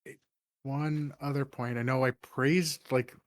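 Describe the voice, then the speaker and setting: A man's voice: medium pitch, steady tone, unhurried, no echo. A man talks through his take on a film in easy podcast chat, working through his points one by one. His voice sits close and dry, with no room sound. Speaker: podcast co-host. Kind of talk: casual film discussion.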